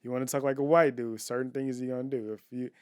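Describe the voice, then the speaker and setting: A man's voice: mid-range voice, fairly even intonation, fast, clean tone, dry recording. Dry, emphatic man chatting at home. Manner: opinionated, emphatic, restarts and fillers. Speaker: podcast co-host. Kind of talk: casual chat.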